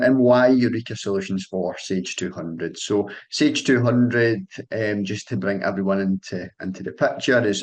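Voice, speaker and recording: A young Scottish account manager presents a sales webinar over a call, friendly and loose in style. His voice is fairly low, and he often says "um" and restarts his sentences.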